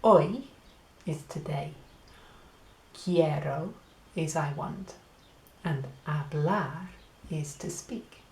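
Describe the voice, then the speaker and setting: A woman teaching a beginner language lesson, explaining slowly and clearly and repeating words. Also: deep voice, a little mellow. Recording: echoey room.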